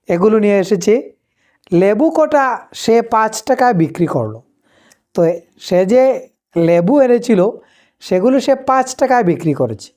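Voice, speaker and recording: Woman teacher with an Assamese Bengali accent, patient, unhurried, soft mellow tone. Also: a little high. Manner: patient, spells out conjunct letters slowly. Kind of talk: textbook lesson.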